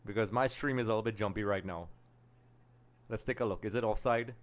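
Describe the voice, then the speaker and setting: A middle-aged livestream host from Trinidad and Tobago chats briskly and casually with viewers in a fairly low voice while hosting a rambling football watch-along. He speaks into a boom-arm desk microphone in a small home streaming room.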